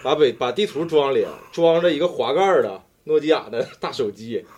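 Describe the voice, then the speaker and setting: A man's voice: on the high side, animated, a little fast, darkish tone, muffled recording. A man from northeastern China with a Northeastern accent, chatting casually and telling personal anecdotes in an earthy, slangy way with some swearing. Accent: Northeastern Chinese. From Daqing, northeastern China. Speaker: talk show storyteller among friends.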